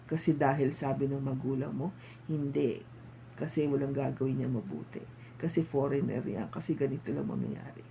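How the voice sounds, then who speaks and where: A Filipino-accented tarot reader talks casually to the audience, coaxing with constant tag questions. The voice is very dark and mellow, with a lot of gravelly fry running through it. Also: medium pitch, a little hiss or hum, poor audio. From Philippines. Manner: chatty, coaxing, asks frequent tag questions.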